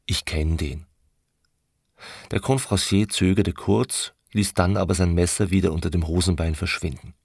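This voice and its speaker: A man reading a novel aloud in calm, measured narration, close on a studio mic. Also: deep voice, slightly rough, no room sound. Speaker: audiobook reader. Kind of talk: scripted narration.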